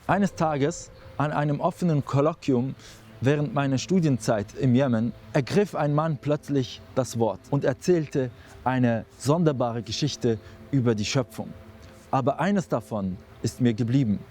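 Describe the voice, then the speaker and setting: A man's voice: medium pitch, a little slow, mellow, slight background noise. A young adult male preacher telling a vivid sermon story straight to the listener. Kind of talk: dramatic sermon.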